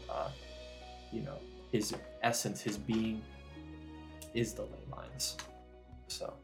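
Rambling game master, lots of fillers. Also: male voice, on the low side, creaky. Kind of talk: narrating a tabletop game.

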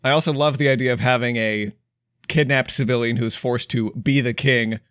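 A young man co-hosting a podcast, brainstorming ideas in an animated way and laughing often. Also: mid-range voice, moderate pace, no room sound, clean studio sound. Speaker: podcast co-host. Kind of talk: casual brainstorming chat.

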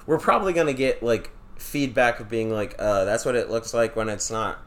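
A man's voice: medium pitch, moderate pace. Casual swearing man on a podcast. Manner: loose and profane, swears casually. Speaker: podcast co-host. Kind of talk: casual chat.

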